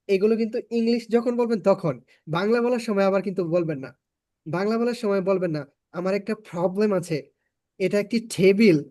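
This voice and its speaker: A man's voice: high voice, a little mellow, dry recording, clean studio sound. A man with a Bangladeshi Bengali accent teaching an online spoken English class, patiently repeating his points for learners.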